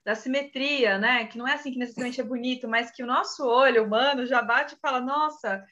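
A woman's voice: fairly high pitch, fairly even intonation, fast talker, sharp tone. A woman hosting a casual talk, explaining with frequent tag questions. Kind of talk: casual conversation. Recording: dull lo-fi sound.

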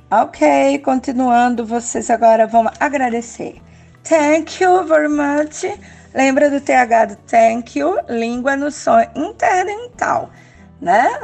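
A woman teacher with a Brazilian Portuguese accent, giving a children's English lesson and modeling phrases slowly for repetition. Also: a little high, creaky, a little mellow.

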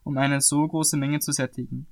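Puzzled male followers asking earnest questions, as a man reads them aloud. The voice is a little higher than usual for a man and is read plainly. It sounds like scripted scripture reading. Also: flat delivery, normal speed, vocal fry, no room sound. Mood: questioning.

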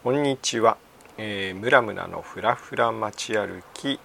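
An older man hosting a radio segment, talking off the cuff and haltingly, thinking aloud. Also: lowish voice, gravelly, pushed and bright, a little hiss or hum. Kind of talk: unscripted radio monologue.

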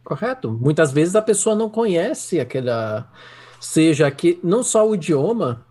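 A man co-hosts a casual podcast, telling stories with a joking, chuckling manner. His voice sits a touch high and moves freely up and down. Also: big pitch swings, moderate pace, dark tone. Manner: jokey, storytelling, chuckling. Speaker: podcast co-host.

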